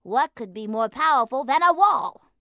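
Woman doing a high, lively storybook mouse girl, eager and hopeful. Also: moderate pace, no room sound, clean studio sound. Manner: high, bright and questioning. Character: eager young female mouse seeking a husband.

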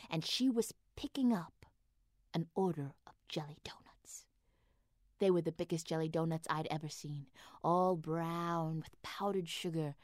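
A woman voicing a stubborn, greedy wife in a folk tale, dropping to a hushed whisper when she dreams of treats. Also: medium pitch, dry recording, clean studio sound, lightly acted.

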